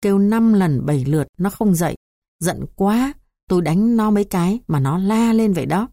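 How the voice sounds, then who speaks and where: A woman's voice: medium pitch, lively intonation, moderate pace, dark tone, no room sound, studio quality. A woman with a Southern Vietnamese accent reading the lines of a blustering old man who falsely accuses a child. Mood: accusing. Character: scolding old man, a lay monk.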